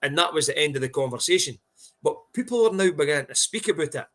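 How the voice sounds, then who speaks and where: A man's voice: a little high, animated, fast talker, a bit bright. A middle-aged man with a broad Scottish accent, chatting casually about sport as a podcast co-host in a blunt, sweary, colloquial way.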